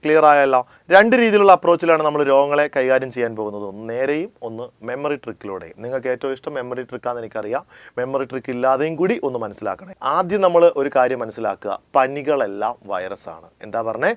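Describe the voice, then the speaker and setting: A man's voice: expressive, rapid-fire, no echo. A man teaching an exam coaching lesson, drilling each point by asking a question and answering it himself. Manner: emphatic, rises and drops sharply in pitch and volume. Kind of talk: classroom lecture with call-and-response drilling.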